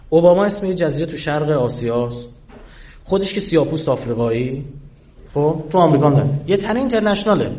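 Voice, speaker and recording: Animated man lecturing, lo-fi sound. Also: fairly high pitch. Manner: animated, rhetorical questions to listeners. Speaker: political speaker. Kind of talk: lecture to an audience. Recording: dull lo-fi sound.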